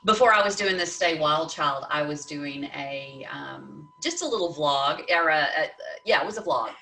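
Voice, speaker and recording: Woman host, casual storyteller, low-ish bright voice, roomy distant recording. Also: moderate pace, creaky, slight background noise. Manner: animated storytelling with frequent laughs. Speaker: podcast host. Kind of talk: casual conversational interview.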